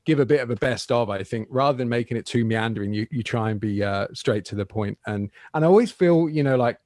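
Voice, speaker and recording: A man's voice: mid-range voice, fast, a little mellow, no echo, clean studio sound. A man in his forties from England, a guitarist being interviewed in a casual podcast chat, talking in a chatty, self-deprecating way with frequent laughs. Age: 40s.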